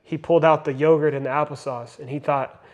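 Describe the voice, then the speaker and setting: A man's voice: fairly high pitch, steady tone, fairly quick, darkish tone, muffled recording. A young man and father talking earnestly in a casual podcast conversation, reflecting and using many fillers. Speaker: podcast co-host.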